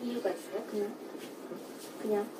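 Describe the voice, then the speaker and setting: A woman's voice: medium pitch, fairly even intonation, normal speed. A woman on hospital staff speaking through a face mask, chatting casually and asking lots of short curious questions. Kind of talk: casual chat. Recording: distant mic with loud background noise.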